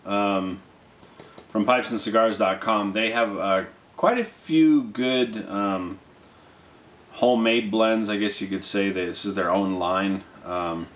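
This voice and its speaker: Indoors in a small, dim living room, a man in his thirties casually reviews pipe tobacco in a fairly low, steady voice. He's unhurried and low-key, often pausing between phrases, and the camera mic gives a dull, roomy sound.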